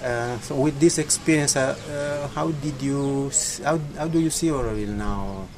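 A man's voice: mid-range voice, normal speed, background noise. A man interviewing, asking hesitant questions with many uhs.

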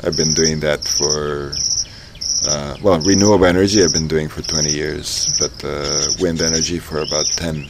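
A man's voice: a bass voice, fairly even intonation, normal speed, gravelly. A man from Ecuador being interviewed, speaking thoughtfully with many fillers and restarts. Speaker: interviewee, engineer and dance teacher. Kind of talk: casual interview. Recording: outdoor noise with loud crickets. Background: loud crickets and insects.

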